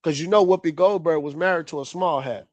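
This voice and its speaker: A man on a casual panel show who jokes, interrupts and talks quickly when excited. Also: a little high, no echo, dull audio. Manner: animated, interrupting, joking. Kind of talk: casual banter.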